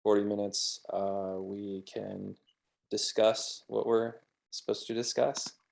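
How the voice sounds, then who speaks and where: A man's voice: lowish voice, flat delivery, takes it slowly, gravelly, a little mellow. A man from the East Coast of the United States organizing a casual video-call meeting in an easygoing way.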